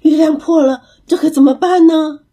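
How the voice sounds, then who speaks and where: A woman voicing an old male monkey elder in a children's story, speaking slowly and soothingly. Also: fairly high pitch, big pitch swings, breathy edge, full character voice. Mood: worried.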